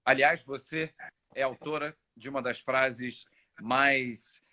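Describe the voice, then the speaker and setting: A man, interviewing a guest in a relaxed, reminiscing way with some hesitations. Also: medium pitch, slow. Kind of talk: conversational interview.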